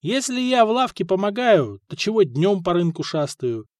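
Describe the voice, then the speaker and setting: A man's voice: high-pitched, very animated, normal speed, a little mellow, no echo, clean studio sound, voice pushed up. Man doing an eager, cheeky street boy. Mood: explaining.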